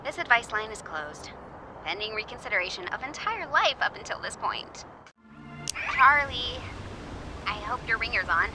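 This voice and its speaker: Playing a flustered, awkward young advice host on the radio in a video game, a woman rambles, corrects herself and stays dryly sarcastic, sounding exasperated. Her pitch is on the high side with wide swings, her pace moderate, and she leaves long pauses. The naturalistic acting sits over music in a low-quality recording.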